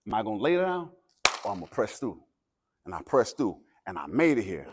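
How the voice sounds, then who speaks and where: Man giving a preacherly pregame pep speech, American accent. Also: on the low side. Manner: preacherly, emphatic, builds from calm talk to loud exhortation. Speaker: motivational guest speaker.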